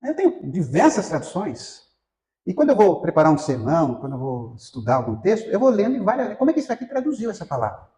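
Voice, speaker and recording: A man's voice: high-pitched, huge pitch swings, fast, mellow, echoey room, low-quality recording. A man with a Brazilian Portuguese accent teaching a church Bible class in a conversational way, often checking in with his listeners. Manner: conversational, asks the class questions, many fillers.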